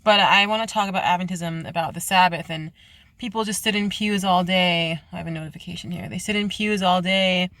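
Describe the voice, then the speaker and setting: Young woman, earnest confessional vlog, halting restarts, dry close sound in a parked car. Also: lowish voice, fairly even intonation, a bit bright, no echo. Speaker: vlogger. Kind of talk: late-night confessional vlog.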